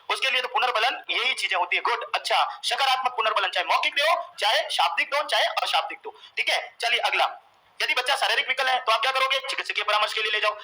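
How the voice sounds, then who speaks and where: A male coaching teacher lecturing a class. He dictates points, repeats them slowly for note-taking and quizzes the students. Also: very high-pitched, bright, forceful tone, slight background noise, poor audio.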